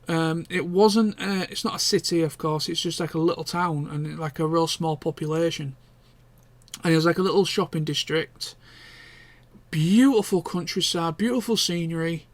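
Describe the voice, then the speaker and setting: A man's voice: on the high side, dry recording. A male vlogger talking in a casual chat, rambling and often correcting himself, with the odd swear word.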